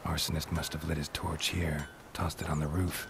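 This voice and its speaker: An actor playing a gruff, deadpan monster hunter with a deep, gravelly voice in video game dialogue. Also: male voice, normal speed, background noise, heavily acted. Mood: flat. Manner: curt, deadpan. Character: gruff monster-hunter, middle-aged man, dry and stern. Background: game music.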